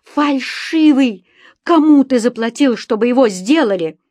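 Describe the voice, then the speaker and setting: A woman voicing a frightened, defiant young wife in an audiobook, shouting and pleading. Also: a little high, expressive, a little slow, no echo, clean studio sound, pitched above the performer's own voice. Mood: desperate.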